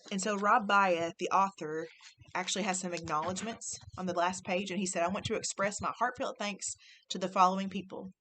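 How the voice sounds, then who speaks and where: A woman teacher reading a children's novel aloud to her class, gentle and expressive. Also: medium pitch, a little fast, a little hiss or hum, low-quality recording.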